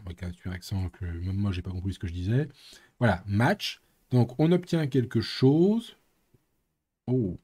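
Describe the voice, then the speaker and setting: A man's voice: lowish voice, warm tone. A man streaming live coding, thinking aloud and muttering with playful sound effects. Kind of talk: casual live coding commentary.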